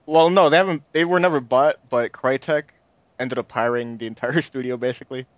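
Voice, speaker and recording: A man's voice: medium pitch, a little fast, dry recording, dull audio. A man co-hosting a casual video game chat show, laid-back and trailing off into shrugs. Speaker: podcast co-host.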